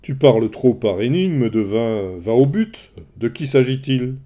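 A man voicing a proud, quick-tempered male warrior king who gives loud, commanding outbursts in a storybook reading. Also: mid-range voice, animated, close to an everyday voice.

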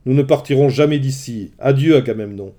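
A man voicing an angry, cunning male Greek hero who shouts forcefully in a storybook reading. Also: medium pitch, brisk, pitched above the performer's own voice, lightly acted.

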